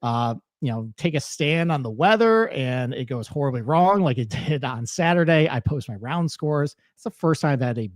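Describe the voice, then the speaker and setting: A man's voice: medium pitch, lively intonation, normal speed, few pauses, no room sound, clean studio sound. A man co-hosting a podcast in casual chat, loose and easygoing, laughing often. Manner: chatty, laughs easily, loose pacing with fillers. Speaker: podcast co-host.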